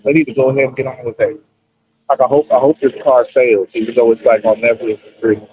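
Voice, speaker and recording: Casual male co-host calling in from a car; breaking-up connection, muffled lo-fi audio, husky tone. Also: mid-range voice, little pitch movement, fast talker, a little mellow. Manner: slangy, repeats and restarts phrases. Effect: choppy, breaking-up call connection. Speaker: podcast co-host. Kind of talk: casual boxing talk.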